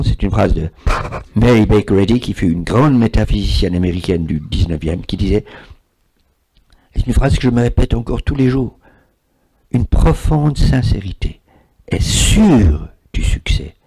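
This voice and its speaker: A man's voice: on the low side, dark tone, slightly rough. A man, giving a spiritual talk and taking questions from an audience, repeating words for emphasis. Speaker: spiritual speaker.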